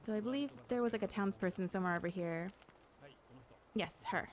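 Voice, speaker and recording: A woman's voice: medium pitch, brisk. A woman speaking an English dub of a game director's commentary, casually walking viewers through a video game.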